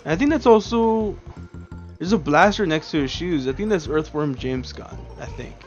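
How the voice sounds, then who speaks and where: A man's voice: fairly high pitch, expressive, moderate pace, highs cut off, soft background music. A man hosting a let's play, rambling and swearing freely as he gets frustrated with the game. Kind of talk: casual gameplay commentary.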